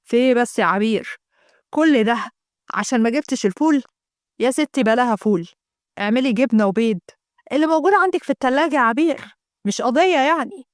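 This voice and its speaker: A woman's voice: a little high, animated, fast, long pauses, no echo, studio quality, close to an everyday voice. A woman voicing an easygoing husband with an Egyptian accent, talking in a coaxing, laid-back way. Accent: Egyptian Arabic. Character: easygoing husband who loves TV serials.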